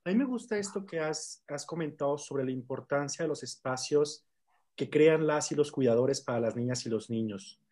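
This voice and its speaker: A man's voice: fairly high pitch, normal speed, a little mellow. A man hosting, thanking the guest and asking follow-up questions. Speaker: host. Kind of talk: interview questions.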